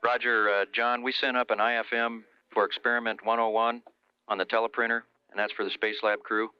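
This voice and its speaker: A man's voice: mid-range voice, little pitch movement, fairly quick, clean tone. A man working as a mission control communicator, passing procedural messages over a radio. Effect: heard over a radio. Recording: slightly dull radio transmission.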